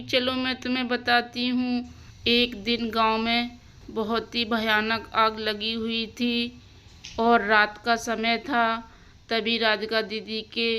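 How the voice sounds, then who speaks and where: A woman voicing a caring village mother, bright and smooth. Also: on the high side. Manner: soothing, fussing, exclaims often.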